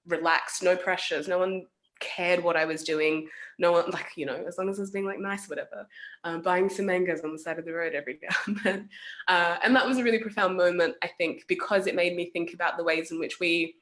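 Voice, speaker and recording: Young woman artist, reflective and halting, lower voice, heard over a video call. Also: a bit bright. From South Sudan. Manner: thoughtful, hesitant, many fillers. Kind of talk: casual reflective talk.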